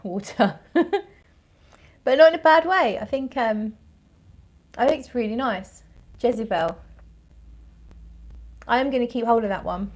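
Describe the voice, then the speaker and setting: Woman, medium pitch, casual livestream host, conversational, rambling reviewer, searches for words. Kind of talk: casual livestream chat, thinking aloud while reviewing scents.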